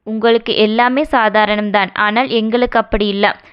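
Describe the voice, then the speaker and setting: A woman's voice: medium pitch, steady tone, moderate pace, clean tone, no echo, lightly acted. Story reading: a woman voicing an emotional young wife, plaintive, on a dull lo-fi track. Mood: upset. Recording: dull lo-fi recording.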